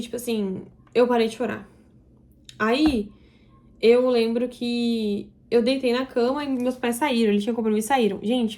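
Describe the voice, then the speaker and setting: A woman's voice: on the high side, darkish tone. A young woman telling a personal story to her viewers in an emotional, confiding way. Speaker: vlogger. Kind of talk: confessional storytelling to camera.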